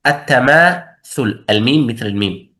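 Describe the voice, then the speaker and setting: A man's voice: medium pitch, expressive, moderate pace, pushed and bright. A man teaching tajweed in a classroom lesson, explaining methodically and posing and answering his own questions.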